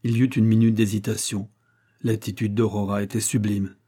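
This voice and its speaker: A man reading a novel aloud in dramatic audiobook narration, with expressive rises and falls. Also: on the low side, fairly quick, husky.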